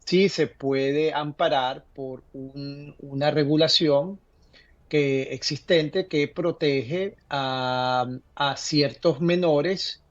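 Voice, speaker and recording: A man answering viewers' legal questions in a live advice segment, talking haltingly with many fillers and restarts. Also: on the high side, fairly even intonation, no echo, lo-fi sound.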